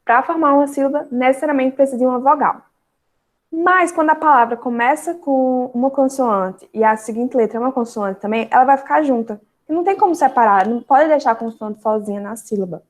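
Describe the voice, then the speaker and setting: A young woman with a Brazilian Portuguese accent teaching an online grammar lesson, explaining step by step and slowly spelling out syllables, with frequent fillers. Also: sits high.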